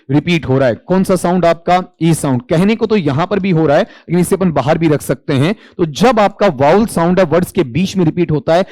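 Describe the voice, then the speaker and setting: A man's voice: a little high, a little mellow, dry recording. Male exam-prep tutor, Hindi accent, dry close sound, call-and-answer lecturing. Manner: quizzing students and answering himself; calls students 'beta'. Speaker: English teacher.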